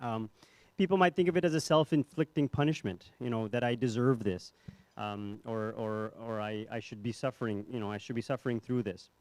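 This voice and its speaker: A young man gives a talk at a medical conference in an easygoing, self-deprecating way, filling it with ums and restarts. His voice sits at an ordinary middle pitch. The mic sound is dry and close, with no room echo. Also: brisk, a little mellow. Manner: conversational, self-deprecating, many fillers and restarts. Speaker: psychiatrist giving a conference talk. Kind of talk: conference presentation. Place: hotel ballroom.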